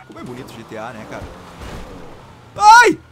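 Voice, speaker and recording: A young adult man with a Brazilian Portuguese accent, giving casual, jokey game commentary with sudden loud exclamations. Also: medium pitch, animated, racing, loud music behind the voice. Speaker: gameplay commentator. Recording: loud game car noise behind voice.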